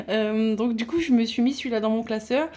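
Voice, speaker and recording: A woman vlogging casually about her budget binders, chatty and halting with many fillers and restarts. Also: a little high, dark tone. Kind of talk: casual chat showing binders.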